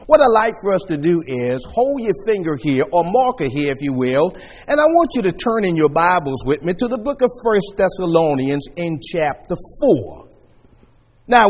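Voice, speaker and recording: A man preaching a sermon at a pulpit microphone, teaching in a measured way as he walks his listeners through scripture verses. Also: high-pitched, big-room sound.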